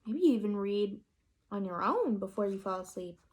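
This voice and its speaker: Speaking at normal speed with a medium pitch, a woman gives an expressive read-aloud of a picture book, pausing to put questions to her young audience.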